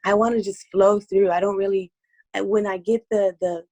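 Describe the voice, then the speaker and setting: A woman with a hoarse, strained voice, speaking earnestly as an interview guest giving personal testimony. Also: medium pitch, steady tone, moderate pace, mellow, no echo.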